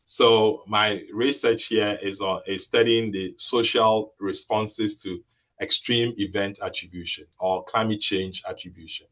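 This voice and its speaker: A young man from Ghana, a researcher, speaking haltingly with many restarts on a video call. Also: fairly low pitch, steady tone, fairly bright tone, poor audio. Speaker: researcher and webinar participant. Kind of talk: explaining a role-play and introducing himself.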